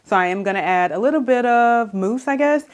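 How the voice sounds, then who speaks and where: A woman's voice: on the high side, lively intonation, brisk. A woman talking casually to camera in a hair tutorial vlog, chatty and enthusiastic with many fillers, a little out of breath. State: slightly out of breath. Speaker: beauty vlogger. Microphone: camera mic, on camera.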